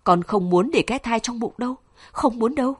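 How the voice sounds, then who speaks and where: Lady doing a scared young girl in a storybook, higher and pleading, husky edge. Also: brisk, a little mellow, no room sound, studio quality. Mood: despairing. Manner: pleading, sobbing. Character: desperate frightened young daughter, pregnant.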